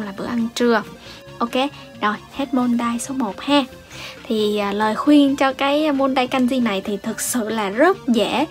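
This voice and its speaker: Một phụ nữ người Việt giảng giải đáp án đề thi tiếng Nhật, kiên nhẫn và từ tốn, hay chêm "ờ" và "ha". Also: female voice, on the high side, fairly bright tone. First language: Vietnamese. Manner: patient, explanatory, many fillers and rising "ha" tags. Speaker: Japanese language teacher. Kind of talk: explaining exam answers.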